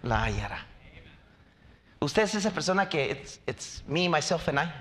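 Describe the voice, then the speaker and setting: Man, preacher, emphatic sermon, high bright voice. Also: normal speed. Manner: emphatic, questioning the congregation, acts out quotes. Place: church.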